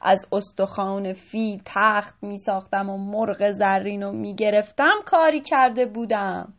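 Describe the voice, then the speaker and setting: A woman voicing a humble, loyal man with huge ears in a storybook tale, speaking slowly and modestly. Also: medium pitch, natural voice.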